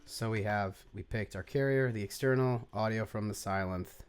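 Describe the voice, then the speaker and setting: A man with a fairly low voice talks through a music production tutorial in an offhand, unpolished way. He rambles, restarts sentences and mutters to himself while hunting for settings on screen. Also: normal speed. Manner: rambling, self-correcting, mutters to himself while clicking around. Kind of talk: casual screen-share tutorial.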